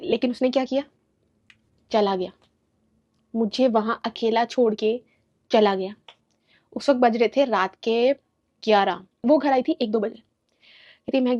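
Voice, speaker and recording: A woman's voice: fairly high pitch, mellow, no echo, muffled recording. A woman from Pakistan with a Pakistani accent, telling a story in casual vlog chat, mixing English into her speech with indignant outbursts. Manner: chatty, mixes English into Urdu, indignant outbursts. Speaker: vlogger.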